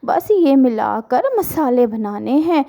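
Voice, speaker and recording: A woman voicing a crafty older mother-in-law in a storybook cartoon. She talks slowly and knowingly, as if sharing secrets. Her tone is mellow and soft. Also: high voice, lively intonation, creaky, heavily acted.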